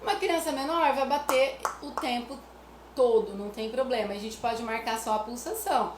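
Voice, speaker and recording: A woman's voice: fairly high pitch, moderate pace. A woman from Brazil, explaining music activities for children to parents in a chatty way, often adding "né?". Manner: chatty, repeats "né?" often, sings nursery rhymes as examples. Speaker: music educator. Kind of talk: casual teaching talk to parents. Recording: echoey room with faint noise.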